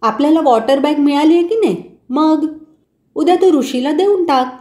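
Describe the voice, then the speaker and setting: A woman playing a caring mother who lectures her son calmly and gently. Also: high-pitched, normal speed, voice pushed up, close to an everyday voice. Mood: gentle. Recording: roomy echo.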